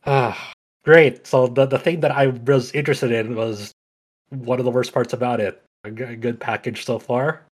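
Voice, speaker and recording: A man's voice: medium pitch, steady tone, moderate pace. A man co-hosting a casual video game chat, blunt and swearing often, with lots of fillers. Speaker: podcast co-host reviewing games.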